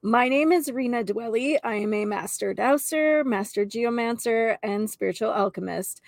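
Slow-talking American woman, mystical healer manner. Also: a little high, dry recording, clean studio sound. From North Dakota, United States. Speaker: host of a spiritual show. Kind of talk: casual spiritual show monologue.

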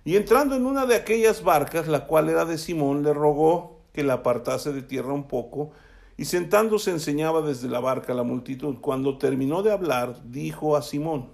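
A man preaching a sermon. He reads scripture aloud, then explains it conversationally and checks in with his listeners through quick tag questions. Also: a little high, lively intonation, creaky, darkish tone. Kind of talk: sermon with Bible reading.

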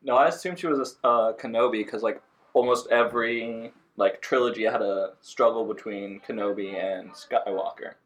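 A young man with a somewhat low voice, chatting casually with friends and quick to crack a joke. He keeps the talk moving with quips and easy laughter. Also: fairly bright tone. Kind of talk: casual group chat.

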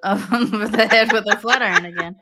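A woman co-hosting a podcast, reacting with quick wry jokes and laughs. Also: mid-range voice, background noise. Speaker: podcast co-host. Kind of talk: casual chat.

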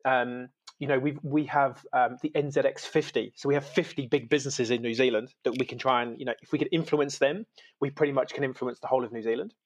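His mid-range voice holds a steady tone as he talks fast, a UK-born man now based in New Zealand. As a guest on a podcast, he chats casually with plenty of enthusiasm and frequent laughter.

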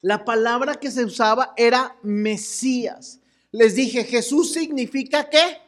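Slow, drawn-out woman preaching a lively sermon. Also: a little high. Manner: animated, asks the crowd questions and calls out with them; slow and drawn out, now and then shouting. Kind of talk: sermon to a mixed congregation with children.

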